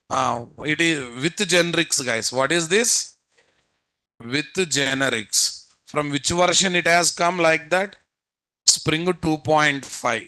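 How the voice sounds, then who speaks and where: A man's voice: a little high, pushed and bright, rough recording. A man with an Indian Telugu accent giving a live technical lecture, prodding students with repeated questions. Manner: prodding, repetitive rhetorical questions. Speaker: programming instructor.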